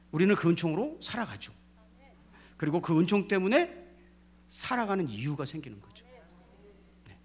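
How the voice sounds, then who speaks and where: A middle-aged man with a Jeolla Korean accent preaching a sermon, calling out for amens and swinging from loud to hushed. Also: medium pitch. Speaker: pastor.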